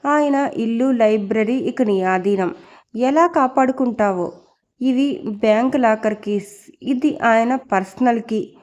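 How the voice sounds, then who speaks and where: A woman's voice: on the high side, slow pace, a little mellow, dull audio. A woman doing a grave older man in a storybook. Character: older man, calm family friend handing over keys.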